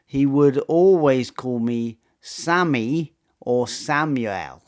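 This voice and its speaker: A man narrating a true personal story in a measured, matter-of-fact scripted way. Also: medium pitch, animated, clear, resonant tone.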